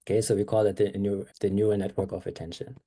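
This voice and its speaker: A native German speaker with a German accent gives a conference talk with slides, explaining things with frequent fillers and self-corrections. His voice is fairly low, husky and warm, delivered flatly at a quick pace.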